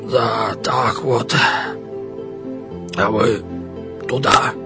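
An actor playing a wary, homely elderly man in a war drama, muttering haltingly and repeating his words. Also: mid-range voice, steady tone, music in the background. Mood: troubled. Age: older. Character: unshaven elderly partisan ferryman, wary, homely, fussing.

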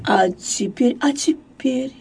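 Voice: sits high, slow pace, vocal fry, darkish tone, distant mic, a little hiss or hum, pitched above the performer's own voice, full character voice. A reader voicing an earnest, brave young woman who pleads tenderly and sometimes whispers her words. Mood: pleading. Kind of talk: audiobook character voice.

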